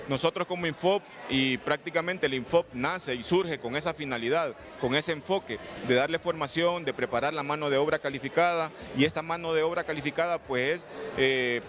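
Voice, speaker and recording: A middle-aged man, answering interview questions earnestly, often restarting his phrases, into a handheld mic in a large hall. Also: medium pitch. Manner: earnest, explanatory, with frequent restarts. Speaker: institute director being interviewed. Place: large indoor hall with murals. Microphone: handheld reporter mic.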